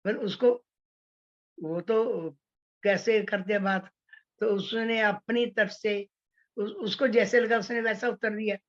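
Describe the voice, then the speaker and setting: A woman teaching poetry, explaining figures of speech slowly with many fillers and restarts. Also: medium pitch, fairly even intonation, lo-fi sound. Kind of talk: online class on Hindi poetics.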